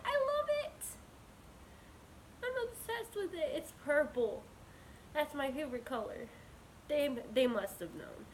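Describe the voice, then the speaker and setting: A woman with a cold chatting casually and gushing with excitement as she presents an unboxing vlog. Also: medium pitch, a little hiss or hum, low-quality recording. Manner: gushing, bubbly, drawn-out words. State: slightly sick, with a cold. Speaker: unboxing vlogger.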